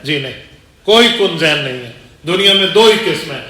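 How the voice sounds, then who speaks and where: A man with a high, bright voice preaches in an echoey room. He teaches by asking rhetorical questions and repeating key phrases, and he acts out small dialogues as he tells his stories. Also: animated. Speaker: religious teacher. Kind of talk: sermon-style lecture.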